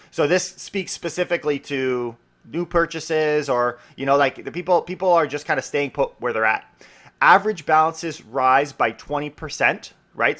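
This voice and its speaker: An upbeat man from Canada with a Canadian accent, his voice sitting a touch higher than most men's. He hosts his own daily podcast as a real estate broker, talking alone to listeners in a chatty way and slipping in casual asides. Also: fairly bright tone. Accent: Canadian English. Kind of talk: solo daily podcast monologue.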